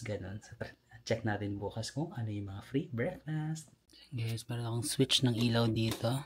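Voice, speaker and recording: A man's voice: lowish voice, a little mellow, slight background noise. Young filipino guy doing a chatty travel vlog, playful and easygoing, filipino accent. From Philippines. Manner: chatty, playful, self-narrating. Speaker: travel vlogger.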